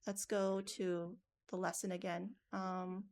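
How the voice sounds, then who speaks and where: A woman's voice: fairly low pitch, little pitch movement, takes it slowly, a little mellow. Woman thinking aloud in a coding demo. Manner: casual, thinking aloud with restarts. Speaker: teacher trainer. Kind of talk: live coding workshop demo.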